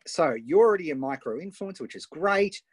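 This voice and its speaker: An Australian man hosting a live online coaching session, enthusiastic and firing off quick questions over a video call. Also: fairly high pitch, expressive, slightly rough, dry recording. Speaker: host and coach.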